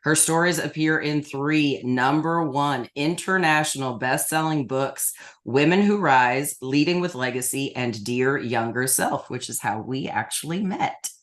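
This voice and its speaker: A woman's voice: low-pitched, unhurried. A woman hosting an interview, reading her guest's introduction from a script in a friendly way. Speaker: podcast host.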